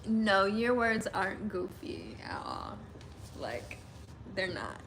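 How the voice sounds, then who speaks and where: A woman's voice: medium pitch, wildly swooping pitch, slow pace, vocal fry, fairly bright tone, a little hiss or hum. A young woman from Illinois in the US Midwest, hosting a casual livestream, chatting with viewers, giggling often and saying "like" a lot. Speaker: livestream host. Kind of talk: casual livestream chat reading comments.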